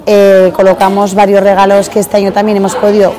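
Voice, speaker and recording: In a busy hotel hall, a woman in her forties who organized a fair answers on-camera interview questions hesitantly, with many fillers. Her medium-pitched voice is monotone and a little fast, and crowd chatter can be heard behind her.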